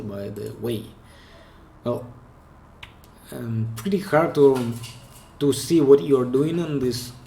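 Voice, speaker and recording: Slow-talking man with a Russian accent. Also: mid-range voice, vocal fry, dark tone, a little hiss or hum. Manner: chatty, hesitant, restarts mid-phrase. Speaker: pen spinning channel host. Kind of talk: casual commentary on viewer clips. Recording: echoey room.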